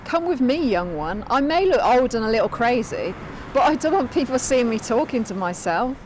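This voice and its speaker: An actress playing an eccentric old psychic medium who speaks gently and calls others child. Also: female voice, a little high, sing-song, normal speed, a little hiss or hum, low-quality recording. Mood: gentle.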